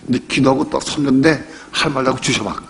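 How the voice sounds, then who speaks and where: Older man, pastor, sermon delivered as emphatic conversation, mid-pitched voice, faint noise behind. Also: a little fast, gravelly. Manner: conversational preaching with rhetorical questions and personal stories; emphatic, repeats phrases.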